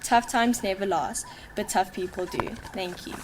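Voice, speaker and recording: A woman's voice: mid-range voice, normal speed, very noisy. Earnest young woman giving school speech. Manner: earnest, encouraging. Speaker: graduating student giving a speech. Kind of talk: short school farewell speech.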